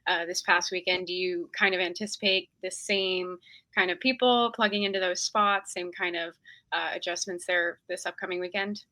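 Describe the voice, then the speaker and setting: Bright-voiced young woman podcast host. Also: lowish voice, fairly even intonation, moderate pace, dry recording. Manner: chatty, upbeat, frequent fillers. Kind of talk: casual sports interview.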